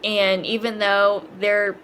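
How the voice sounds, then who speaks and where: A woman's voice: medium pitch, level tone, slow pace, a bit bright, poor audio. Hesitant young woman, faint background hum. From China. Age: 20s. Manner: hesitant, many fillers and restarts. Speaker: podcast guest. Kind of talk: casual interview conversation.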